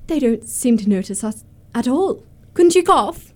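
A woman's voice: on the high side, expressive, unhurried, darkish tone. A woman playing a haughty, imperious young society lady in a radio comedy of manners, speaking in a precise, pompous way. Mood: indignant, haughty.

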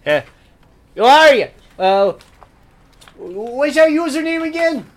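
An actor plays a forgetful older male customer in a comedy sketch. His high voice jumps around in pitch as he stammers. He is muddled and easily exasperated. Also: big pitch swings, slow, exaggerated voice. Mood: confused. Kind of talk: acted comedy phone call.

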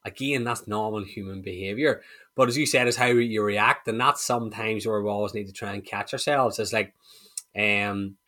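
Low, bright-toned man coach. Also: steady tone, normal speed. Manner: frank, swears casually, explains with examples. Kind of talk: casual podcast chat.

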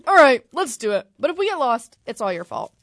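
A woman playing a rude, dismissive rock bassist. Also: big pitch swings, a little fast, dry recording, studio quality. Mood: grudging. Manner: gruff, curt, dismissive. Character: rude, dismissive famous male bass player.

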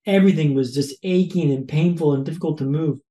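A man's voice: on the high side, fast, warm tone, reverberant. A man, a podcast guest, telling a personal story in vivid, repetitive phrases with punchy lists. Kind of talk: storytelling in an interview.

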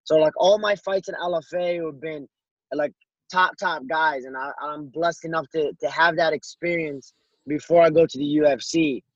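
Halting young man from Morocco, guest. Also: on the high side, steady tone, no echo, dull audio. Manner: loose, halting, full of "like". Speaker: guest fighter. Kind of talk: casual interview.

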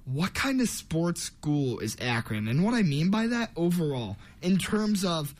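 Young male sports radio host, higher voice. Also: sing-song, unhurried. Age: young adult. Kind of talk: casual sports talk hosting. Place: college radio studio.

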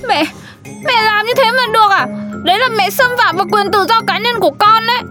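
A woman's voice: extremely high pitch, a little fast, music in the background. A woman playing a stubborn teenage schoolgirl who argues back at her mother in a comedy sketch. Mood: defiant. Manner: defiant, whiny arguing.

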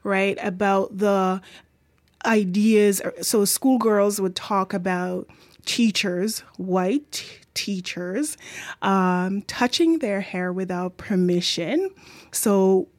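An unhurried woman speaks with a light Jamaican accent, earnest and thoughtful. She pauses and restarts as she finds her words. The sound is dry and close. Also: mid-range voice, darkish tone, no room sound. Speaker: community mentor and author. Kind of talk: interview answers.

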